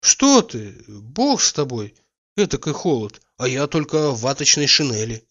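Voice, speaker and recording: A fretful, anxious gentleman from a storybook, read by a man, worried and impatient, pressing his questions in an ordinary male voice. The sound is muffled and lo-fi. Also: medium pitch, sing-song, measured pace. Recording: dull lo-fi recording.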